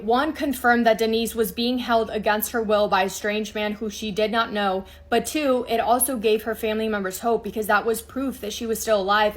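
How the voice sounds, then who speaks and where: A woman telling a true crime story in a casual, earnest way, stressing key points by repeating phrases. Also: medium pitch.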